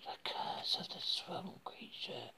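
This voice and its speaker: A woman's voice: slow, natural voice. A woman playing a creepy, theatrical horror host who introduces old scary films in a spooky, menacing, whispery manner. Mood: playfully menacing.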